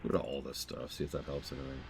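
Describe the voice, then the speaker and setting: A man's voice: rumbling low, flat delivery, quick pace, creaky, background noise. A man giving casual live game commentary as a streamer, explaining the lore in a wry, opinionated way.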